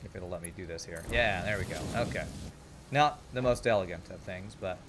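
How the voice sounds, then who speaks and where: A deep-voiced gaming channel host talks fairly quickly over a noisy background, casually narrating his gameplay with a slight Texas twang. Born in California and raised in Texas from age nine, he thinks aloud and mumbles asides as he plays.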